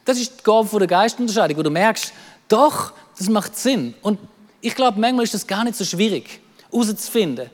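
Swiss guy preaching, animated, high-ish voice, echoey church hall. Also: moderate pace. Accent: Swiss German. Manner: lively, acts out quoted voices, repeats words. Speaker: pastor. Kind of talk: sermon.

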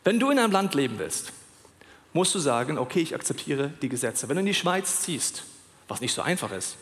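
Male preacher, high voice, very lively delivery, echoing church hall. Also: a little fast. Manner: animated, talks straight to listeners with questions. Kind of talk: sermon. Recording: long hall reverb.

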